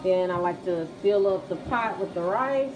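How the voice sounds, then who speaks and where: An adult mother of children chats casually and folksily with viewers in a family vlog filmed indoors at home, calling them y'all and guys. Her medium-pitched voice moves at a moderate pace over music, and the audio is dull.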